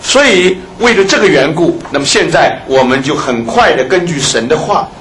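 A man's voice: a little high, normal speed, slight background noise, poor audio. A man preaching a sermon, often turning to his listeners as brothers and sisters and repeating words for emphasis. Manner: animated, repeats phrases for emphasis.

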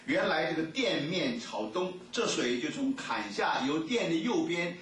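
Guy preaching a sermon, pitch jumping all over, sounds far from the mic. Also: a little hiss or hum. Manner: lively storytelling, many drawn-out fillers. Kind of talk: sermon with Bible reading. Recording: echoey room, mic at a distance.

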